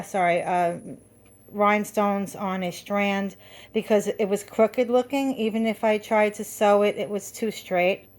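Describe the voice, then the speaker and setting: A middle-aged woman hosting a craft video from her home, chatting casually with lots of fillers and restarts, a little out of breath. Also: medium pitch. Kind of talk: casual show-and-tell.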